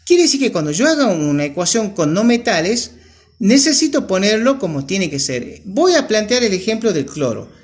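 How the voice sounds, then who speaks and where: High-voiced male teacher, lively swings in pitch, patient and explanatory. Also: normal speed. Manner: patient, checks with students, repeats key terms. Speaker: chemistry teacher. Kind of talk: classroom lesson at a whiteboard.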